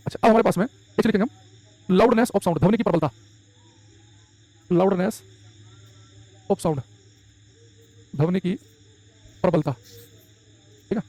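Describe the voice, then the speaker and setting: A male teacher lecturing a class in a classroom, dictating notes slowly word by word and then explaining quickly. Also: high voice, dark tone.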